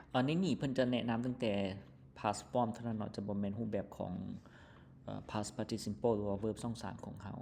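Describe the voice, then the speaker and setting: A male teacher with a Lao accent explaining an English textbook lesson, reading English words slowly, then explaining them quickly with many fillers. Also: lowish voice, mellow, slight background noise.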